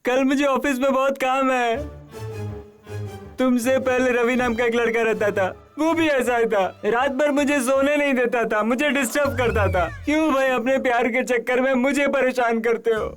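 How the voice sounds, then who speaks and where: A man's voice: extremely high pitch, fairly even intonation, normal speed. An actor dubbing a weary, sarcastic young male roommate who grumbles about lost sleep. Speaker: dubbed film character. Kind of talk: Hindi film dubbing. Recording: film soundtrack with faint music.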